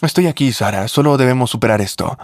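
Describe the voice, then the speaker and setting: A man's voice: mid-range voice, animated, quick pace, no echo, clean studio sound, close to an everyday voice. A man voicing a young man who awkwardly tries to comfort a grieving widow. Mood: consoling. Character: young man consoling his stepmother, awkward.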